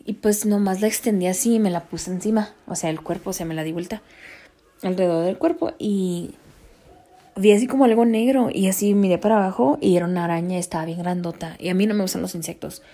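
Mellow-voiced woman telling a story. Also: medium pitch, fairly quick. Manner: chatty, slips into English, slangy and animated in retelling. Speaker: vlogger. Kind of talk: casual storytelling.

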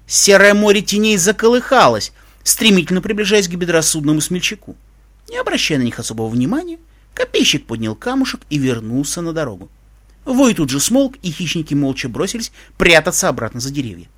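Animated male audiobook narrator. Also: on the high side, fairly quick. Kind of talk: storybook narration.

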